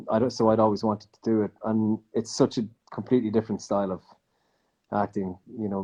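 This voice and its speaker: Easygoing male actor guest, warm low voice, modest; dull lo-fi video-call sound. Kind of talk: relaxed interview answers.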